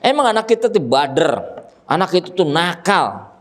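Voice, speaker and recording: A man preaching a religious lesson to a gathering, animated and joking with the audience, acting out scolding parents. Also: high voice, moderate pace. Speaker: ustadz teaching a religious study group. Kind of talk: sermon. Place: gathering with children and fathers present.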